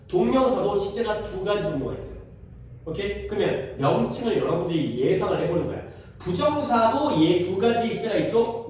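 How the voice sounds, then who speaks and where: A man's voice: high voice, darkish tone, slight background noise. A male teacher giving a classroom grammar lesson, quizzing his students and repeating key terms. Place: classroom at a cram school. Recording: echoey classroom, voice from far off.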